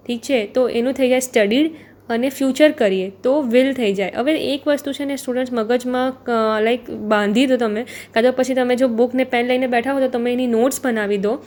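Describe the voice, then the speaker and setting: A young woman with a Gujarati accent teaching an English grammar lesson. Her voice sits a little high. She goes over each point more than once and keeps checking whether her students are following. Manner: patient, repeats points, checks in with filler questions. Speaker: English teacher for exam aspirants. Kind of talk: explanatory lesson.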